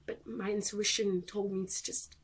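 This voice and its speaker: An actress playing a young mother who recounts her baby's death in a dramatic monologue, speaking in halting bursts with many restarts. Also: mid-range voice, flat delivery, slight background noise, close to an everyday voice. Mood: tense. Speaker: monologue actor.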